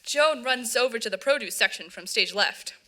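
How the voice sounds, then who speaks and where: A woman's voice: a little high, lively intonation, normal speed, pushed and bright. A woman reading the stage directions of a play as scripted narration.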